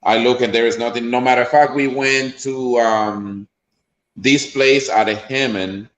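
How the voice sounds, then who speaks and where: A man's voice: medium pitch, fairly even intonation, a little slow, fairly bright tone, roomy sound, rough recording. A man from Honduras with a Honduran accent, a player's father talking casually in an interview, rambling with many fillers and restarts.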